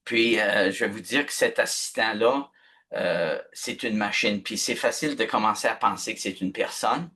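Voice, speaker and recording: A man runs a video-call workshop. His voice sits low and a little husky. He explains things patiently and keeps checking that everyone is following. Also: moderate pace, sharp tone. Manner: patient, chatty, often checks "ok?". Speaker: instructor. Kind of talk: live online workshop teaching.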